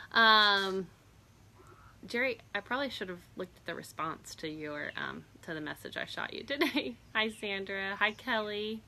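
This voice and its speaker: A woman's voice: mid-range voice, sharp tone, slight background noise. A woman hosting a casual live stream outdoors on a porch, chatty, greeting viewers by name and laughing often.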